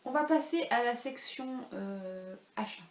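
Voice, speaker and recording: A woman's voice: on the high side, expressive, unhurried. Rambling woman chatting about knitting at home. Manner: rambling, self-deprecating, many fillers. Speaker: knitting podcast host. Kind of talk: casual chat. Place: home room. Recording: echoey room with faint ambient noise.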